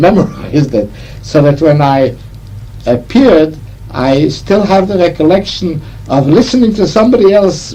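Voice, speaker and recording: An older man who learned English as a second language, reminiscing in an interview as a rabbi, in formal, hesitant wording with frequent pauses. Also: on the high side, dark tone, husky. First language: not English. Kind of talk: reminiscing oral-history interview. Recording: noisy interview recording.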